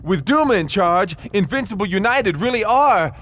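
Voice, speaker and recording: A man's voice: high-pitched, animated, normal speed, a bit bright. A man playing an earnest, level-headed soccer team captain in a cartoon. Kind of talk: cartoon voice acting. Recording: music behind the voice.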